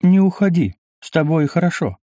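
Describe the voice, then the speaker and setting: A man's voice: fairly high pitch, sing-song, moderate pace, warm tone, no echo, studio quality, voice pushed up. A man voicing a jovial, tipsy older nobleman who teases and grows sentimental, in an audiobook reading. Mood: teasing. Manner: boisterous, teasing, sentimental when drunk.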